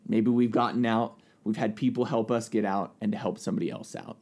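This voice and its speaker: A man, an associate pastor co-hosting a podcast, who chimes in affirmingly and tells a story in a steady way. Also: fairly low pitch, a little fast. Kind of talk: casual podcast chat and storytelling.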